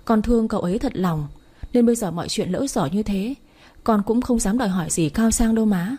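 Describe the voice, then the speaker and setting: A woman's voice: mid-range voice, fairly quick, warm tone, husky, close to an everyday voice. A woman reading the part of a young daughter who pleads and apologizes to her mother. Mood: tearful pleading. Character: tearful young daughter in love. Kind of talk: audiobook story reading.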